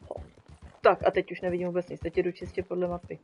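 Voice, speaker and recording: A woman's voice: fairly low pitch, monotone, darkish tone. A woman streaming a game live, chatting casually with her viewers and talking to the animals on screen. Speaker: streamer and graphic designer.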